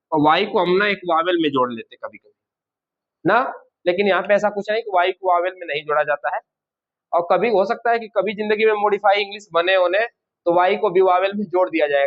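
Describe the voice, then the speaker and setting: A man with a high-pitched voice teaches grammar to a classroom. He keeps firing questions at his students and then supplies the answers himself. The recording sounds dull and low-fidelity. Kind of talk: classroom lesson.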